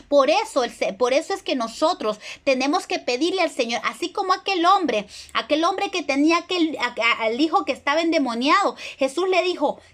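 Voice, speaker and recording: A woman's voice: high voice, a bit bright. A middle-aged woman preacher delivering an earnest sermon, retelling scripture and acting out the quoted voices.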